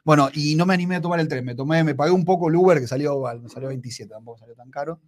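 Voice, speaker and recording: A man's voice: a little high, racing. A man co-hosting a casual podcast chat, repeating himself and calling his friend "amigo". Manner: chatty, repeats himself, says "amigo" often. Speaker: podcast co-host.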